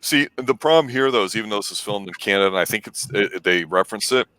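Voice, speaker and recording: A man's voice: lowish voice, animated, fast, pushed and bright, smooth, no room sound. A man co-hosting a casual movie commentary, making wry jokes with playful formality. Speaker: co-host of a movie commentary show. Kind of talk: casual live watch-party commentary. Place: home, Central Florida.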